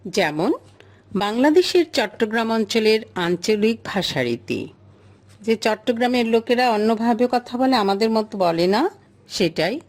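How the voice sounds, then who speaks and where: A woman's voice: a little high, animated, measured pace. A woman teacher, giving a lesson to a class and asking questions she then answers herself. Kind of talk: classroom lesson explaining a chart.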